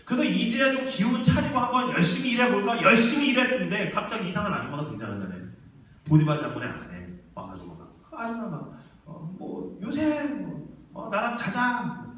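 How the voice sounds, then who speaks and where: Speaking fast in a high-pitched voice, this ministry staff preacher addresses young adults in a large church hall. He tells stories vividly, acting out the quoted voices, while the far-off mic picks up heavy echo.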